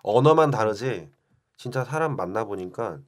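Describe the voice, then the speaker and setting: A man's voice: fairly low pitch, lively intonation, normal speed. A man speaking as a podcast guest, telling a personal story in a frank, confessional and self-deprecating way. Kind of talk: candid storytelling.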